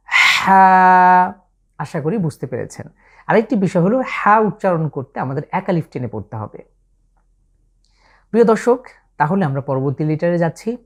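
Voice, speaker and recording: A woman with a Bangladeshi Bengali accent teaching Arabic letter pronunciation for the Quran, slow and patient, drawing out each letter as she demonstrates it. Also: deep voice, a little mellow, slightly rough.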